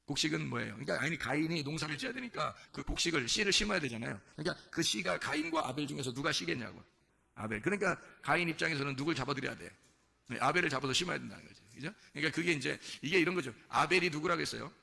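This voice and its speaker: A man's voice: on the high side, animated, racing, vocal fry, bright, forceful tone. A man preaching a sermon, asking his congregation questions and acting out quoted lines. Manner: asks the congregation questions and acts out quoted speech. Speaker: pastor.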